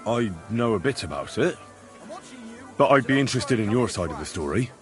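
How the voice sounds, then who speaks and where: An actor playing a polite, earnest young adventurer in a video game, courteous and conciliatory. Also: male voice, lowish voice, sing-song, normal speed, soft background music. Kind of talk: video game dialogue acting.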